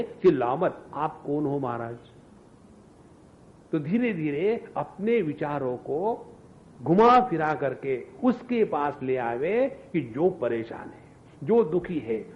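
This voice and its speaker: A man giving a scripture discourse as a spiritual teacher, animated, asking rhetorical questions and chanting mantras. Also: a little high, highs cut off.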